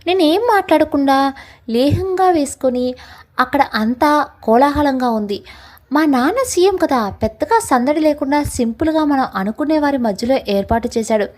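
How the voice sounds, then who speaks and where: A woman's voice: high voice, lively intonation, moderate pace, a little mellow, poor audio. A young adult woman storyteller narrating a love story in the first person, with an emotional, dramatic reading.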